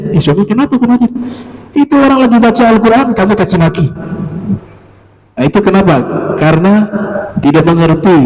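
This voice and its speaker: A man giving an Islamic religious lecture, telling anecdotes with lively quoted voices. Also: fairly high pitch. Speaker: preacher. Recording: long hall reverb.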